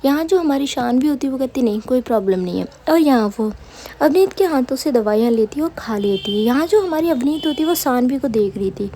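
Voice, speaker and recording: High, mellow-voiced young woman storyteller. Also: animated, a little fast, slight background noise. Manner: chatty, exasperated asides to fans. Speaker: audio story narrator. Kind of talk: casual chat then story narration.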